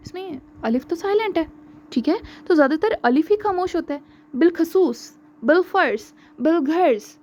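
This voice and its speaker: A woman teaching an online exam-prep lesson on grammar. She often checks in with "okay" and slows down to spell out each example. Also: sits high. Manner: explains with frequent "theek hai" check-ins, slows to spell out examples. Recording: slightly dull lo-fi audio.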